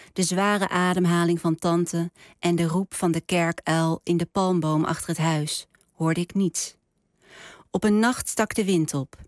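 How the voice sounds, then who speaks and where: A woman author being interviewed about her novel, reading passages aloud in a slow, measured voice. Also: lowish voice, dry recording, studio quality.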